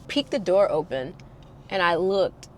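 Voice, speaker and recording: A young woman telling a casual storytime, acting out quotes in a higher voice. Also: animated, a little slow, noisy background. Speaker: storytime vlogger.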